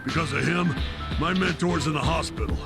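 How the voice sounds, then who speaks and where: A solemn young sumo wrestler from a video game. His voice is gravelly and a little high for a man, full of grief and resolve. Loud music plays underneath. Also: a little fast. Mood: solemn, aggrieved. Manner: earnest, solemn, dramatic. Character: earnest young male sumo wrestler, grieving and determined. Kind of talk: video game dub acting.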